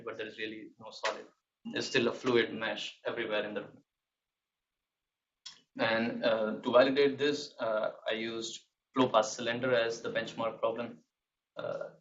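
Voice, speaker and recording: Halting young man presenting, distant and muffled. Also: lowish voice, fairly bright tone. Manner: halting and hesitant, often restarting words. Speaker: PhD candidate presenting a thesis defense. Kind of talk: technical slide presentation. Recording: muffled, distant mic with background noise.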